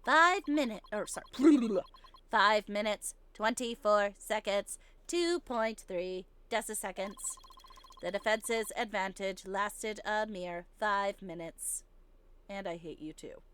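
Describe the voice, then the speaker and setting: In this gaming playthrough, a woman gives a theatrical, playful read of the characters' dialogue, her medium-pitched voice slow and fairly bright. There's slight background noise along with the video game music.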